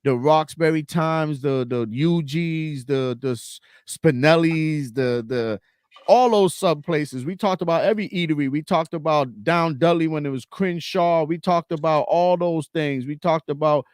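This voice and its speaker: Slang-heavy man, animated. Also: on the high side, unhurried, clear, resonant tone, no room sound, clean studio sound. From Trinidad and Tobago, raised in Boston and Queens. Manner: animated, slangy, repeats himself for emphasis. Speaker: podcast co-host. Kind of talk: casual podcast chat.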